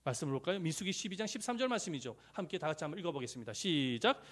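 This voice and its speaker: A middle-aged male pastor preaching a sermon, swinging between loud rises and soft near-whispers, and acting out quoted voices. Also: a little high, very animated, very fast. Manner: acts out quoted voices in dialogue.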